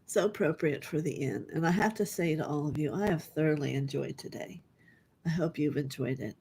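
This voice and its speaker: A middle-aged woman giving a live online spiritual reading to her callers. She speaks softly and gently, often dropping into a breathy half-whisper. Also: low-pitched, a little fast, a little hiss or hum. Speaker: spiritual reader.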